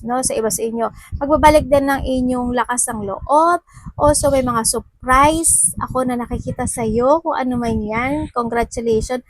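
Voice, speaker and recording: A woman talks through a tarot reading in a loose, chatty way, full of asides and fillers. Her voice sits on the higher side. It is recorded close and dry, with no room sound. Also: no echo, poor audio. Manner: chatty, mixing Tagalog and English, with frequent fillers and asides. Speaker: tarot reader. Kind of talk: casual tarot reading monologue.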